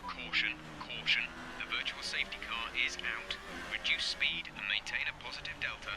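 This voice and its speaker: A man's voice: fairly low pitch, very animated, moderate pace, gravelly, loud music behind the voice, rough recording. A man voicing a race engineer who gives clipped, businesslike pit instructions over the team radio in a racing game. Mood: instructing. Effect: race car team radio.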